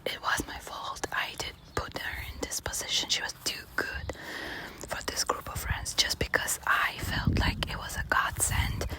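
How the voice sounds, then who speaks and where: A woman telling a personal ASMR storytime in a hushed, quiet night-time whisper, informal and confiding. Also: low-quality recording.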